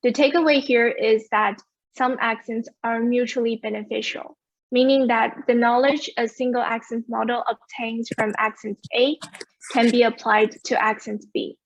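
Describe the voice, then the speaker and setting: A woman giving an academic conference presentation over a video call, explaining results clearly. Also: on the high side, level tone, normal speed, no echo, dull audio. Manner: clear, explanatory, asks for next slide.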